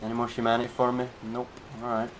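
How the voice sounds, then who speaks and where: A man's voice: medium pitch, monotone, quick pace, fairly bright tone, slight background noise. A man streaming a game, giving laid-back, chatty commentary with a wry edge. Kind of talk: casual gameplay commentary.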